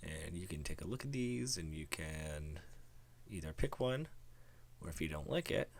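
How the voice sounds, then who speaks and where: A man hosting a software tutorial, talking casually through his screen recording with lots of ums and restarts. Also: very deep voice, moderate pace, gravelly, a little hiss or hum. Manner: relaxed, rambling, many ums and restarts. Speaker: tutorial host.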